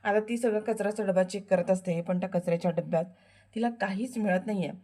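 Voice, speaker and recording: A woman narrates a television serial recap as a voice-over, chatty and direct with her listeners. Her voice sits at an average pitch for a woman. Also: fast talker, warm tone.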